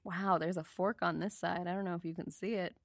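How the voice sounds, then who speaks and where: A woman's voice: lowish voice, fairly even intonation, a little fast, no room sound, studio quality. A woman co-hosting a casual snack taste test, giggly and playful, reading the packaging aloud. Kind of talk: casual chat.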